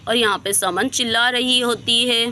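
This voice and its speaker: A woman's voice: a little high, steady tone, moderate pace, bright, forceful tone, slight background noise. A woman narrating a simple doll story in plain, easy words.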